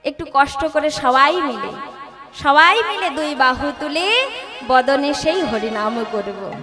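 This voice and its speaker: A woman's voice: sits high, animated, slow pace. A woman kirtan singer preaching to a live audience on a stage mic, urging the crowd and calling them mothers and fathers in a sing-song cadence. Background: devotional music.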